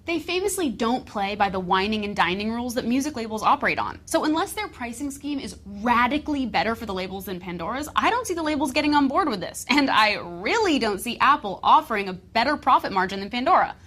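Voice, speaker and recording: A woman's voice: fairly high pitch, very animated, fast talker, few pauses, fairly bright tone. A woman co-hosting a scripted tech rumor show with wry, skeptical banter.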